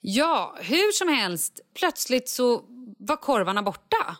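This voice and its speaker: Animated Swedish-speaking mother telling stories. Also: fairly high pitch. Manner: animated storyteller who acts out quotes. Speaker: mother of a young child. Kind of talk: casual chat.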